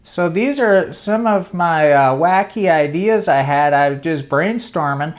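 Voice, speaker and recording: A man's voice: a little high, animated, measured pace. A man hosting his own channel, talking through ideas in a casual, meandering way, often stopping and restarting his sentences. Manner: meandering, hesitant, many restarts. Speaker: channel host. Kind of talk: casual brainstorming monologue.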